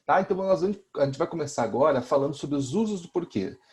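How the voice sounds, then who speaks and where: Man, brazilian portuguese accent, teacher, animated pitch, explains step by step. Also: quick pace. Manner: explains step by step, often checks in with the class. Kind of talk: recorded lesson for students.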